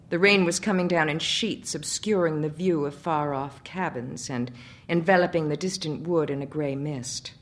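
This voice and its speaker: Low-voiced woman reading a story. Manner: measured, expressive reading. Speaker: narrator.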